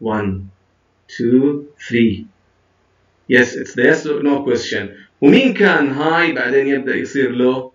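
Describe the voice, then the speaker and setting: A man's voice: medium pitch, a bit bright, far from the mic. A man teaching English in a recorded lesson, switching between Arabic and English as he explains. He sits back from the microphone, so his voice arrives roomy and echoing. The sound is dull and muffled. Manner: explains in a mix of Arabic and English with counted pauses.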